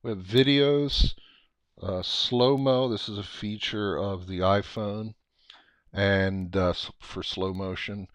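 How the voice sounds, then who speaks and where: A man narrating a screen recording that walks through a phone app, in an unhurried, halting way with many filler sounds and restarts. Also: lowish voice, steady tone, no echo. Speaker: tutorial presenter.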